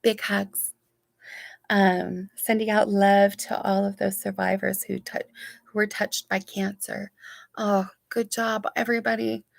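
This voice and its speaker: A woman reading viewer comments aloud on a casual live stream from her room at home, answering each one warmly and softly. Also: mid-range voice, level tone, a little slow, creaky, no room sound. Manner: warm, chatty, reads comments aloud and responds softly. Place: home room with curtains and sunlight.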